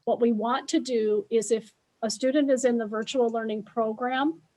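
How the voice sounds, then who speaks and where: An American woman hosting an informational webinar as a school official, speaking in a measured way with pauses for an interpreter. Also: a little high, steady tone, mellow.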